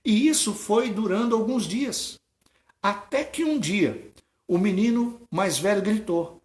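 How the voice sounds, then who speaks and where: A man's voice: sits high, lively intonation, measured pace, darkish tone, roomy sound. A male pastor preaching a sermon, telling a parable and acting out the characters' lines before urging the congregation. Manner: retells a parable, acting out the boys' lines, then exhorts the congregation. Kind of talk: sermon with storytelling.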